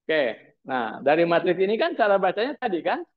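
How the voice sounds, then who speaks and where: A man's voice: sits high, sing-song, a little fast. A man lecturing a university class, prodding students with repeated teasing questions. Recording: tinny phone-like sound.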